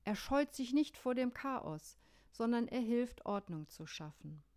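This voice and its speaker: A woman pastor giving a radio devotional sermon, calm and measured, telling a story. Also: fairly high pitch, clear, resonant tone.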